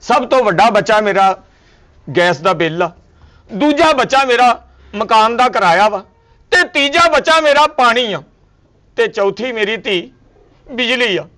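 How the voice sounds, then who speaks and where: Man playing a high-voiced, exasperated husband. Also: expressive, a little slow, pauses often, pushed and bright, full character voice. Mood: lecturing. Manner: exasperated, lecturing with jokes and sayings. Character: husband defending himself against a suspicious wife, with comic wordplay. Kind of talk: comedy sketch acting.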